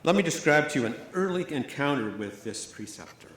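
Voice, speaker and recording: An older man giving a measured, storytelling award speech at a graduation ceremony, partly read aloud. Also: on the high side, big pitch swings, a bit bright, a little hiss or hum. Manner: measured, storytelling delivery with fillers. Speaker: award presenter. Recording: echoey hall, faint ambience.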